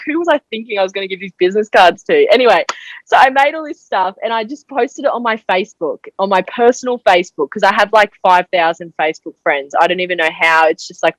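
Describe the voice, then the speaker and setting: A woman's voice: medium pitch, dry recording, poor audio. A young woman, a guest telling her story in a casual interview, chatty and full of 'like'. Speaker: podcast guest.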